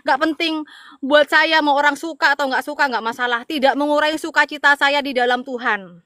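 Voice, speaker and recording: A woman's voice: sits high, steady tone, brisk, bright, forceful tone, dry recording, studio quality. A middle-aged woman from Madura, Indonesia, an evangelist talking casually to her viewers, stressing and repeating her points. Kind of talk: casual livestream talk to viewers.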